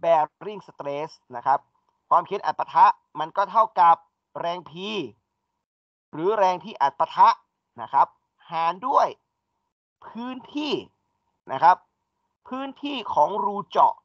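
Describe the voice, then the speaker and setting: A man's voice: on the high side, very animated, takes it slowly, pauses often, dry recording. A man teaching an engineering class, explaining step by step and asking his students questions. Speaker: engineering lecturer. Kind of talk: classroom lecture. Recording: dull dry lecture recording.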